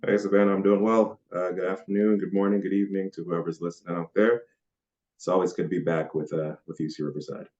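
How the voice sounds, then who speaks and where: A man who grew up in Nigeria, answering interview questions in a relaxed, chatty way. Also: low voice, quick pace, lo-fi sound. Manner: relaxed and chatty, with frequent fillers and laughs. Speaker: podcast guest.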